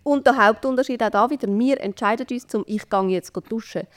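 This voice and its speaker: A woman with a Swiss German accent explains baby care step by step in a relaxed podcast chat, with many fillers. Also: fairly high pitch, brisk, no room sound. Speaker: baby care expert guest.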